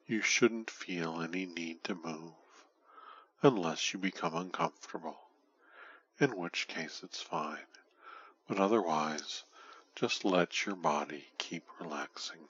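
A man guiding hypnosis in a soothing, breathy, hushed voice right by your ear, slowly and often trailing into a whisper. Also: deep voice, dull audio. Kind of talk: guided hypnosis, soft ASMR-like delivery.

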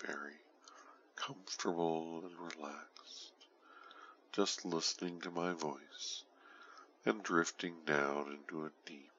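A man speaking as a hypnotist in a guided relaxation, soothing and hushed, intimately close to the ear, often trailing into whispers, on a dull recording. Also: a bass voice. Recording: dull lo-fi audio with faint noise.

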